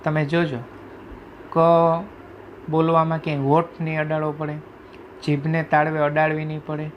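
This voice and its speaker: A man teaching a class, explaining sounds slowly, reciting letters one by one and often asking if students follow. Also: a little high, completely flat delivery, dull audio, slight background noise. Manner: repeatedly checks understanding with "right?". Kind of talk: classroom lecture explaining Sanskrit phonetics.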